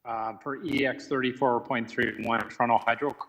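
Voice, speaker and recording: A man's voice: mid-range voice, fairly even intonation, moderate pace, gravelly, fairly bright tone. A man, a city councillor, speaking formally in a meeting over a remote call whose audio keeps cutting out, so he repeats himself when he is not heard. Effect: glitchy audio cutting out over a remote call. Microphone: remote video call. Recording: distant glitchy call audio.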